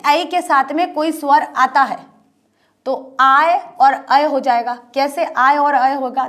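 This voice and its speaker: Standing at a board, a female teacher explains Hindi grammar one step at a time, restating points by posing them as rhetorical questions. She speaks in a high, slightly bright voice.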